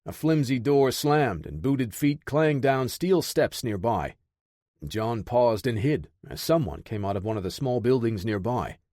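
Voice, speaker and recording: A man narrating an action thriller audiobook in a steady, dramatic way. His voice sits in a middling pitch, recorded dry and close. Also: unhurried, no echo. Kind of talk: scripted narration.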